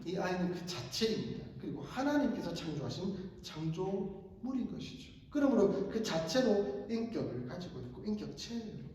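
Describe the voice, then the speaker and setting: A gentle, faithful wife speaks with soft, patient reason, as a man voices her. She stays quiet and calm rather than loud. The sound carries a long hall echo from a distant mic. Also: high voice. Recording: echoey church hall from far off.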